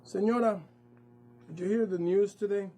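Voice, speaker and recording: A man's voice: high-pitched, steady tone, warm tone, faint music behind, voice pushed up, close to an everyday voice. Man playing a menacing official in a suit. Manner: slow, veiled threats.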